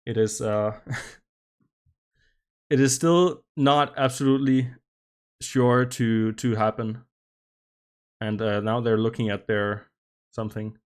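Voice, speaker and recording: A man commentating a live-streamed game match, slightly out of breath, talking in halting bursts with many restarts and asides to his chat. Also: mid-range voice, fairly even intonation, clear, resonant tone. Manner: halting, many restarts and laughs, chats with viewers. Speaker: esports commentator.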